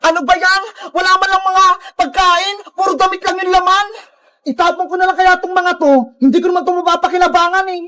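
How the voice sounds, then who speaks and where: A woman's voice: extremely high pitch, little pitch movement, brisk, pushed and bright. A woman voicing a mischievous bully boy in a cartoon, with teasing, singsong taunts and cackling laughs. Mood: gleeful. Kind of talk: cartoon voice acting.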